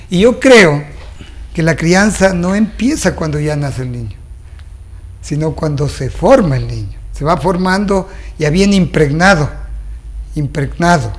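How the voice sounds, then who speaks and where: Earnest higher-voiced man explaining. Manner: earnest and didactic, lays out points one by one. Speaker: guest doctor. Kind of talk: explanatory TV interview answer.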